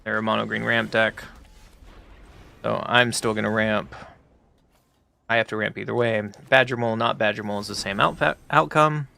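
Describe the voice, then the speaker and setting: A man's voice: fairly low pitch, fairly even intonation, moderate pace, gravelly, long pauses, pushed and bright. A young man hosting a gaming stream, chatting casually with profane, joking banter.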